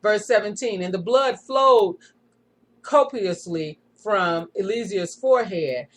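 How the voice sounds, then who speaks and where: A woman reading scripture aloud in a Bible study, steady in pace, with short asides and affirming murmurs. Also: medium pitch, slow pace.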